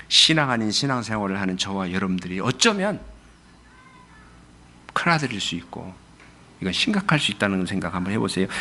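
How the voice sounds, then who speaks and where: A middle-aged man preaching a Sunday sermon as pastor, putting questions to the congregation and repeating phrases, moving between soft low lines and sudden high, loud stresses. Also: vocal fry.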